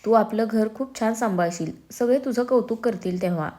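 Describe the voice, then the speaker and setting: A woman voicing a determined, ambitious young man who speaks firmly and teases his twin brother with calm confidence. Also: a little high, fairly quick, close to an everyday voice. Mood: earnest. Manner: firm, self-assured, gently teasing.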